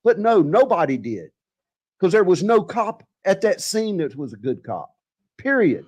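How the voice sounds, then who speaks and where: A man's voice: high voice, very animated, a little slow, darkish tone, husky. A man in an angry, profane off-the-cuff rant, repeating himself and cursing at other channels. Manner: furious, profane, repetitive. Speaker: livestreamer ranting at other channels.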